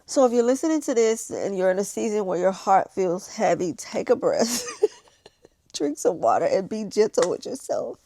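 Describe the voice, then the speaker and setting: A woman's voice: mid-range voice, big pitch swings, moderate pace, dark tone, dry recording. A woman chatting candidly in a confessional vlog, repeating phrases for emphasis, with the slightly slushy articulation of missing teeth. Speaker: vlogger. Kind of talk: casual confessional vlog chat. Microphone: small handheld vlogging camera.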